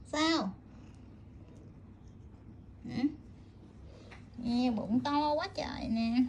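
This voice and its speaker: A woman's voice: high voice, drawn-out words. A woman who runs a pet shop, coaxing and questioning her cat in a mother-like way. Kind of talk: casual talk to a pet. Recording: noisy room with meowing cat.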